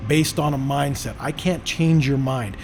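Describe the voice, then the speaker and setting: A man's voice: mid-range voice, unhurried, darkish tone, faint music behind. A middle-aged man from Canada hosting a podcast, talking in an emphatic, lecturing way. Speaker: podcast host. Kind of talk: casual conversation.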